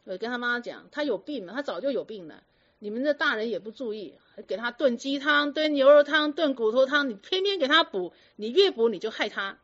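A woman telling stories about patients to an audience in a lively, lecturing way full of rhetorical questions. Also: fairly high pitch, fairly quick. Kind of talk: storytelling talk to an audience. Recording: dull lo-fi recording.

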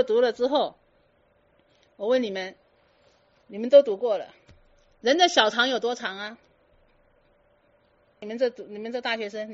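A woman's voice: fairly high pitch, muffled recording. A woman giving a Buddhist dharma talk to students, firing teasing rhetorical questions and slipping in English words. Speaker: Buddhist teacher.

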